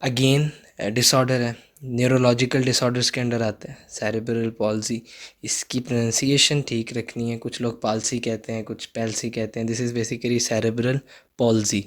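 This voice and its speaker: A man's voice: medium pitch, little pitch movement, normal speed. A young man giving a recorded online psychology lecture, repeating key points and telling students to take notes.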